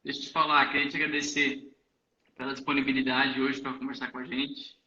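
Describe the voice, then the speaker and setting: A man's voice: medium pitch, level tone, fairly quick, bright, forceful tone, highs cut off, a little hiss or hum. A man hosting a live stream, chatting casually and greeting viewers by name in an upbeat way. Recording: echoey room, far from the mic.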